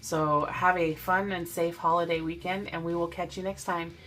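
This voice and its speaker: A middle-aged woman hosting a casual DIY crafting vlog from a home craft room, gushing and excited as she talks to her viewers. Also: lowish voice, normal speed. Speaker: crafting channel host.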